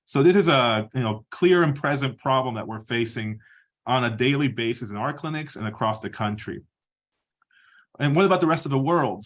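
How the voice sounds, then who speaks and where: Speaking in a mid-range voice, this middle-aged man from Peru lectures by webinar as a surgeon. He explains slides at a measured pace, often restarting and using fillers.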